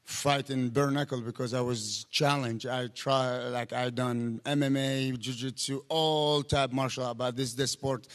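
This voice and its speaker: A man with an Iraqi accent talks slowly and haltingly, reaching for his words between fillers. His voice stays flat and level in pitch. He is being interviewed inside an arena venue. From Iraq. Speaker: fighter guest. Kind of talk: interview answers.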